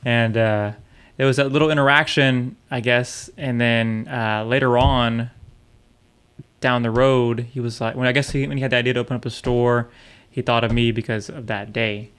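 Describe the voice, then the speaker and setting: A young man in his late twenties chats as a podcast guest. He tells his stories in a loose, laid-back way and pads them with "like" and "uh". His voice sits at an ordinary middle pitch. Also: fairly even intonation, moderate pace, fairly bright tone, smooth. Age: 20s. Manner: laid-back storytelling, full of "like" and "uh". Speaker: guest, vintage store owner. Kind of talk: casual podcast chat.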